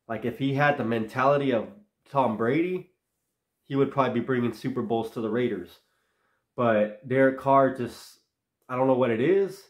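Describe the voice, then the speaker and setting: A man with a stuffy nose from being sick hosts his own sports channel, speaking at a moderate pace in a mid-range voice with fairly even intonation in a roomy-sounding space. His solo football commentary is casual, rambling, and opinionated, coming in loose runs.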